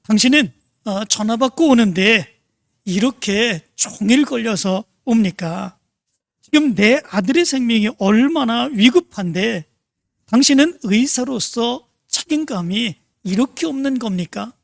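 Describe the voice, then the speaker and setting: A preacher putting on a furious shouting father. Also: mid-range voice, expressive, a little slow, gravelly, no room sound. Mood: angry, shouting. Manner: shouting, accusing. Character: angry father of a boy in surgery.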